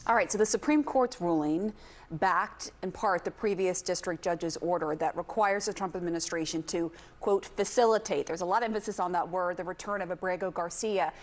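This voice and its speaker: A woman's voice: fairly low pitch, fairly quick. Woman anchoring a news segment.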